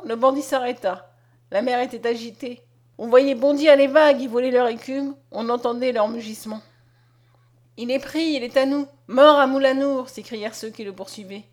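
A woman reading a literary tale aloud with expressive, dramatic storytelling. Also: fairly high pitch. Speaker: audiobook reader. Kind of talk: literary narration read aloud.

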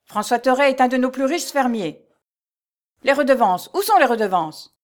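A brutal, pompous little steward who barks his orders loud and high, as a woman reads him. His voice is forceful and sharp, and every sentence sounds like an order. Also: animated, normal speed. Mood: furious. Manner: loud, barking, peremptory. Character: short, blustering male steward, harsh. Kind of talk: storybook reading.

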